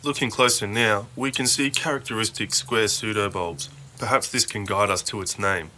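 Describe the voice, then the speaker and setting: A man reading a measured, scripted nature documentary voice-over. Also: fairly low pitch, steady tone, sharp tone, slight background noise. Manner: measured, informative delivery. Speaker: documentary narrator.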